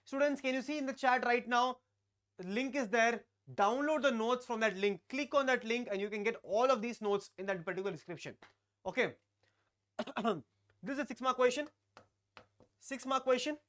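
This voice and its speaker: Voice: medium pitch, normal speed, fairly bright tone. A teacher, giving a live online class and often repeating phrases while talking to students in the chat. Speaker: English teacher.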